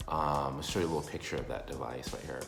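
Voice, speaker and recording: A man giving a casual, rambling personal update in halting explanations with repeated words. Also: rumbling low, fairly even intonation, creaky, reverberant, over loud music. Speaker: vlogger.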